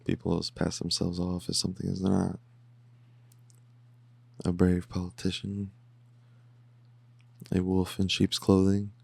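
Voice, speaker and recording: Low, gravelly man reacting casually. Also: a little slow, pauses often, dry recording. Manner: chatty and excitable, swears casually. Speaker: podcast host reacting to an episode. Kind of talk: casual watch-along reaction commentary.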